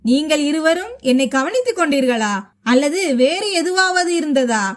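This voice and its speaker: A weary old father speaks slowly and gravely in a family storybook, as a woman reads him. He is soft-spoken, worn down, and finally firm. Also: sits high, expressive. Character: aging father, quiet, finally standing firm.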